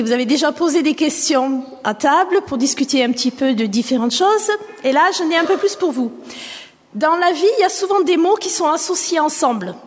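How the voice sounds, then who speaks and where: A high-pitched woman with a faint southern French accent leads a group with questions. She repeats the answers back to them. Her voice carries a long hall reverb. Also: darkish tone. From southern France, near Nîmes. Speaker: speaker leading a group activity. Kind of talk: lively group talk with questions.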